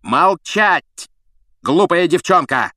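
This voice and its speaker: A man voicing a cruel, vengeful male professor who hisses threats and shouts in rage. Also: medium pitch, lively intonation, normal speed, dry recording, studio quality, lightly acted. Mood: enraged. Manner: hissing menace turning to shouting rage.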